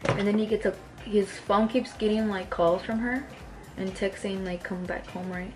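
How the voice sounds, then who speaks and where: A young woman telling a story in a loose, casual way to a friend, checking in often. Her voice sits at an ordinary middle pitch. Faint music plays behind her. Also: steady tone, moderate pace. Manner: casual, keeps checking in with "right?". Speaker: vlogger.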